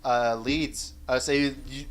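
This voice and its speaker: A man casting a live esports match play-by-play, excitable and rising to shouts on big plays. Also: mid-range voice, slow pace.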